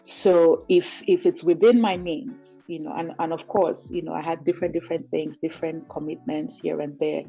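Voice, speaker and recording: Low-voiced woman from Cameroon, earnest. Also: fairly even intonation, moderate pace, gravelly, few pauses, slightly rough, highs cut off, soft background music. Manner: earnest, reflective, leans on "you know". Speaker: guest giving a client testimonial. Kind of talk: conversational interview over a call.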